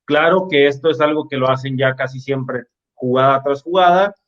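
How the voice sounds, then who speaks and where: A man's voice: mid-range voice, moderate pace, a bit bright. A man, a basketball referee, explaining game rules on a video call, with fillers and restarts. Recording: dull lo-fi call audio.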